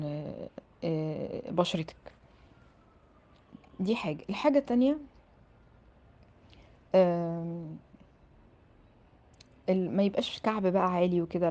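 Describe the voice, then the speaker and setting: Woman, Egyptian accent, career coach, rapid pace, emphatic motivational talk, mid pitch. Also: dull audio. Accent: Egyptian Arabic. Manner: animated, emphatic, repeats "aah" as filler.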